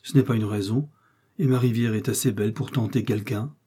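A man reading the lines of a fussy old woman who dresses circus performers, exclaiming excitedly. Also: fairly low pitch, brisk, husky. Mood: flustered.

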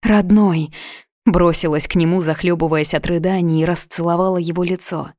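A woman's voice: lowish voice, flat delivery, fairly quick, a little mellow, no room sound, studio quality. A woman narrating a novel in the first person, with intense emotion. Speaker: audiobook narrator.

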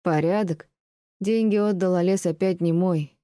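A stubborn peasant man, blunt and resentful, snapping back in curt, gruff retorts, as a woman reader puts him on. The voice stays mellow and close to the mic in a dry recording. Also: fairly low pitch, fairly even intonation, a little slow, no echo, natural voice. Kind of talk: audiobook reading of classic prose.

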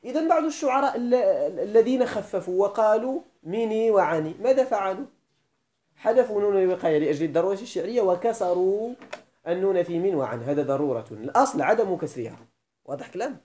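A man with a Moroccan accent teaching Arabic grammar in a classroom lesson, slowly chanting verse lines and putting questions to his students. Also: high-pitched, lively intonation, dark tone.

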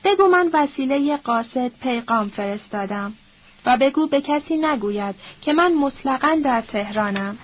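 A woman's voice: sits high, animated, muffled recording. A woman voicing a bitter, scornful old nobleman who curses and quotes proverbs in a sneering, coarse, grumbling way.

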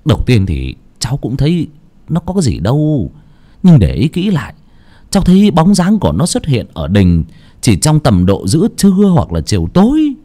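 A man playing a gruff village man who scolds loudly, in an audio storybook. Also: medium pitch, wildly swooping pitch, moderate pace, pitched above the performer's own voice. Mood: uneasy. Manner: gruff, shouting when scolding.

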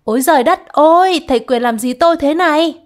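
A woman's voice: normal speed, lightly acted. Woman playing a timid young village vendor. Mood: panicked. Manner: deferential, then shrill and panicked. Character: young village woman selling rice rolls, timid then frightened.

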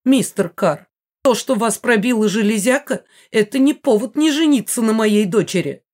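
An excitable, bossy noblewoman mother from a fantasy audiobook, with loud, high, stretched-out cries, put on by a woman reader. She sounds theatrical and fussy even when she is being stern. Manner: high, loud, drawn-out exclamations.

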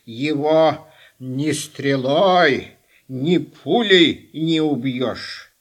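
A man voicing a cunning old folklore witch in a storybook tale, with slow, drawn-out, deliberate delivery. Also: a little high. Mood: grave warning. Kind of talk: storybook character voice.

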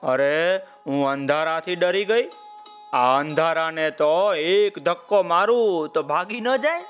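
A man voicing a brave, cheerful little female ant who sings her lines slowly. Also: on the high side, a bit bright, faint music behind. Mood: fretful. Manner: sing-song, playful.

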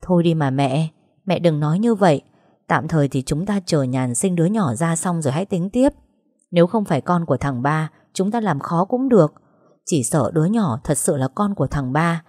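A woman voicing a calm elder sister who soothes and reasons with her angry mother. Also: deep voice, moderate pace, no room sound, studio quality. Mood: coaxing.

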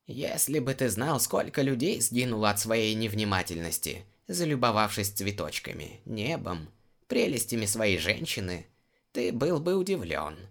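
A man's voice: lowish voice, very animated, normal speed, gravelly, a bit bright, pitched above the performer's own voice, exaggerated voice. A male audiobook reader voicing a stern, teasing female shaman healer. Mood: scolding. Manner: scolding, teasing.

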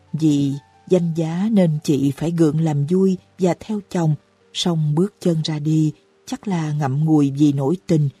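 A woman narrating a novel as an audiobook, reading slowly and evenly. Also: deep voice, husky, no echo. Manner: reads slowly and evenly, raising her voice for characters' cries. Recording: dry close recording with soft music behind.

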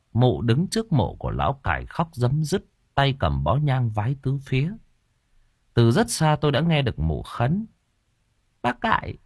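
A man's voice: mid-range voice, darkish tone, husky, no echo, studio quality. A man narrating a first-person story as an audiobook, reading with dramatic expression.

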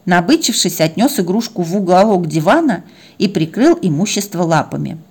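A woman's voice: fairly low pitch, big pitch swings, normal speed, darkish tone, husky. A woman narrating a story in a wry, chatty way.

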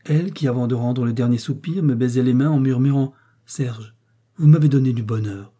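A man reading an audiobook, voicing a domineering, coldly ironic prince with a dark, husky voice. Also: mid-range voice, a little fast, close to an everyday voice. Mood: cold, commanding. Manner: commanding, cutting and sarcastic.

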